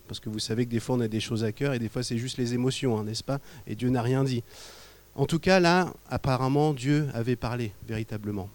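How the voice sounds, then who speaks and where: Conversational French pastor telling a story. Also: male voice, mid-range voice. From Normandy, France. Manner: conversational, animated, drops to quiet asides. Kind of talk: sermon with storytelling. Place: church.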